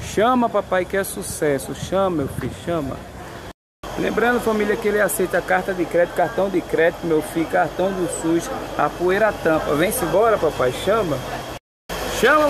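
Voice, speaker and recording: A man with a high, expressive voice films a phone walkaround of cars for sale on an outdoor lot, speaking at a moderate pace. As a car fair vlogger he keeps it hyped, upbeat and packed with repeated catchphrases, while crowd chatter makes the background noisy.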